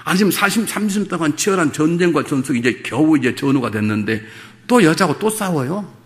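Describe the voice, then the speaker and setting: A man's voice: a little high, animated, fast. A middle-aged male pastor preaching a revival sermon, moving between humorous storytelling and fervent exhortation.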